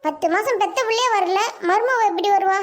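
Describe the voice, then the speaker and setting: A woman's voice: extremely high pitch, fairly quick. A woman voicing an angry, bitter aging mother in a cartoon, scolding and accusing. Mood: insistent. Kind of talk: Tamil cartoon voice acting.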